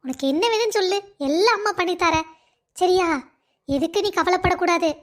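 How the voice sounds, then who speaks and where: A woman's voice: very high-pitched, a little fast. A woman voicing a doting, bossy middle-aged mother in a cartoon story, fussing over her family. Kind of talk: Tamil cartoon voice acting.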